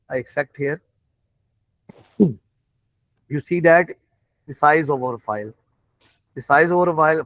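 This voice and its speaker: A man teaches an online class in non-native English, with a creaky, gravelly voice. He explains haltingly, repeating himself and checking in often. The sound is dry and dull, like a lo-fi call. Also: on the high side, a bit bright, no room sound. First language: not English. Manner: halting, repetitive explaining with frequent check-in questions. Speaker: instructor of an AI training class. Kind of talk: live online lesson, explaining while demonstrating on screen.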